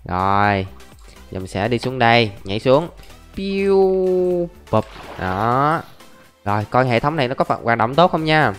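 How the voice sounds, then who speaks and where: With a mid-range, slightly bright voice, this young man talks a little fast. He's a gaming YouTuber casually narrating his Let's Play step by step and addressing his viewers, and faint background music can be heard.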